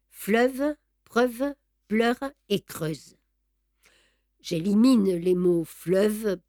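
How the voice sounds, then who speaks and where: A woman reading the lines of a young male amateur detective who reasons aloud in a measured way. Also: mid-range voice, a little mellow, no echo, studio quality.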